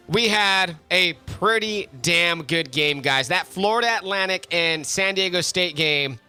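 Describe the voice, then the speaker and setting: A man hosting a sports radio talk show, upbeat and quick as he steers the segments from a studio microphone. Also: sits high, pushed and bright, smooth, no echo. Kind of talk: casual sports radio chat.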